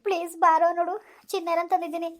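A woman's voice: extremely high pitch, flat delivery, rapid-fire. A woman playing a young village woman dumped by her boyfriend, talking in a village comedy skit. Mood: pleading. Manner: scolding, then begging.

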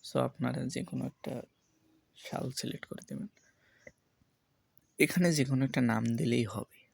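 A man with a gravelly, husky voice talks through a screen-recorded tech tutorial, one step at a time. He pauses often with fillers and reads out codes slowly. The sound is dry and close. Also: mid-range voice, a little mellow, no echo. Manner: slow step-by-step instructions with fillers. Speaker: tutorial host.

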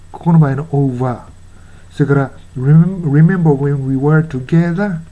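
A man's voice: a little high, warm tone, highs cut off. Older man musing through a lyrics lesson. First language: Japanese. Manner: musing, self-correcting, sings out English lines slowly. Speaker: English teacher.

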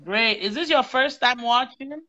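A woman's voice: sits high, a little slow, pushed and bright, dull audio. A young woman hosting a live-stream prayer chat on a phone in a small room, reading viewer comments aloud and exclaiming often. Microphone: phone camera at arm's length.

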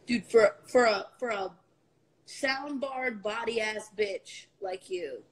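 Her voice is on the high side and she takes her time. She's a twentysomething woman talking casually and profanely on a phone livestream from an apartment room, nose stuffed up, laughing in asides, with the phone camera at arm's length. The recording quality is low.

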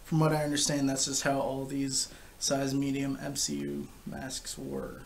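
A young man giving a casual, informal product review to camera, explaining things in a halting way. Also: medium pitch, sing-song, creaky. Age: young adult. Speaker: gas mask collector and reviewer. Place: living room couch, indoors. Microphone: camera a short distance away. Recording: distant camera mic with background noise.

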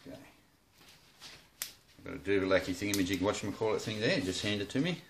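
Swearing low-voiced Australian man. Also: lively intonation, fast talker, creaky, a little hiss or hum. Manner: rambling, swears freely, playful. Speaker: hobbyist rod builder. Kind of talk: casual how-to video. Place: home kitchen.

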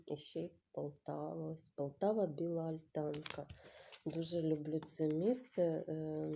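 A woman with a low, deeply mellow voice talks slowly and thoughtfully, often sinking into a near-whisper as she reads. Her casual review is unhurried and murmured. A faint hiss sits under the recording. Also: gravelly. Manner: slow, musing, often drops to a whisper while reading cards. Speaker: tarot channel host. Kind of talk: casual card deck review.

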